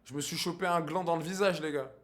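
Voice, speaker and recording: A man's voice: fairly high pitch, fairly even intonation, quick pace. A man with a French accent streaming casually, crude and joking, mixing in English and Spanish. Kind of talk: casual live-stream chat.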